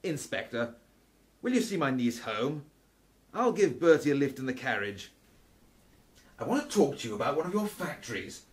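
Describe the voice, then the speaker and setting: Man as Professor Steam, a husky, urbane gentleman inventor. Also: mid-range voice, sing-song, normal speed, long pauses. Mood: smoothly managing. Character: Professor Steam, shrewd gentleman inventor uncle, calmly commanding. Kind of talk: steampunk radio play acting.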